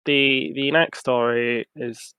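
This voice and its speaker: A man's voice: mid-range voice, steady tone, slow, sharp tone, clean tone, no echo. A young man co-hosting a casual podcast, reading out film news between crude jokes. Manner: reads out news items between crude joking. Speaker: podcast co-host.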